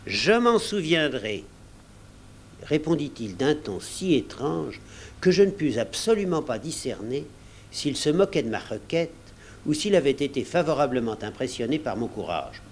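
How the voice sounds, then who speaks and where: A man's voice: mid-range voice, big pitch swings, darkish tone, a little hiss or hum. Man reading an adventure novel aloud. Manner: measured, earnest first-person storytelling. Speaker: audiobook reader. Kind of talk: scripted narration of an adventure novel.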